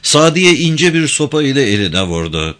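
A man narrating a literary story as an audiobook, expressive, and voicing each character himself. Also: medium pitch, normal speed.

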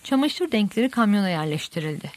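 An audiobook narrator with a medium-pitched voice reads a novel aloud, telling the story in a steady, measured way.

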